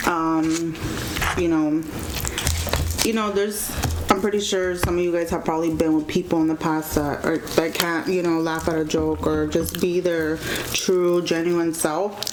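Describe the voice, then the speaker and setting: A woman's voice: lowish voice, level tone, measured pace. A woman chatting casually and informally to viewers as a mukbang vlogger. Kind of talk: casual relationship chat. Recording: echoey room with clear background noise.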